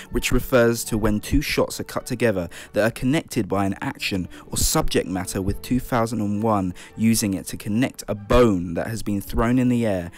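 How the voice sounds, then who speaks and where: A man reading scripted documentary-style narration for a video report. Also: medium pitch. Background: music.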